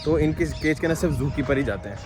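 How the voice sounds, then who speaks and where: A man vlogging at an outdoor zoo in a chatty, excitable way, talking to viewers and to the animals. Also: fairly high pitch, fast, music in the background. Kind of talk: casual vlog narration. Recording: noisy outdoor camera audio. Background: birds and animal calls.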